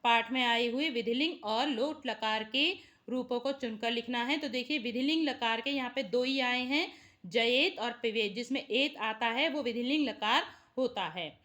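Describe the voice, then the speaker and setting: A woman teacher giving a lesson, reading out each word slowly and then explaining what it means. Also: fairly high pitch, fairly bright tone. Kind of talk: slow classroom lesson.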